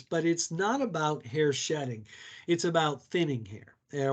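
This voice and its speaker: A man giving a conversational product training talk, explaining hair care products with frequent fillers. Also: on the high side. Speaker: product educator.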